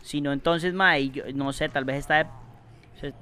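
Excitable gamer man. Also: fairly high pitch, normal speed, smooth. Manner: excitable, swearing, yells when scared. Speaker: streamer. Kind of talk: let's play commentary.

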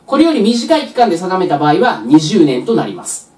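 A woman's voice: fairly low pitch, very animated, a little fast, mellow. A woman tutor giving a patient, step-by-step explanatory lecture for a real estate exam. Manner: patient, step-by-step, frequent filler "まあ". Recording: roomy echo, distant mic.

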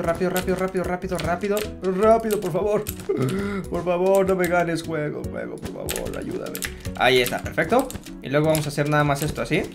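Self-mocking man narrating a building game. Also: fairly high pitch. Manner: self-mocking, chatty, addresses viewers as "muchachos". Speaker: Minecraft gamer. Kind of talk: casual gameplay commentary.

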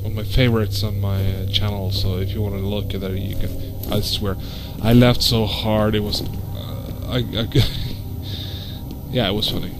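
Brief: unhurried male gamer narrating his play, stumbling over fillers, over loud music. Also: lowish voice, level tone. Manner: rambling, halting, frequent fillers, swears at the game. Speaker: gameplay commentator. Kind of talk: casual let's-play commentary. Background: loud game music.

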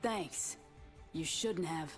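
A tough woman soldier from a video game, speaks in a low, dry, curt voice. Faint music sits behind her. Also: extremely slow. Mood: dry, teasing. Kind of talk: video game character acting.

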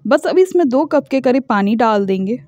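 A woman, the host of a cooking channel, calmly explaining each step of a recipe in a home-kitchen voice-over. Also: fairly high pitch, moderate pace, no echo. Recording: dull lo-fi voice-over.

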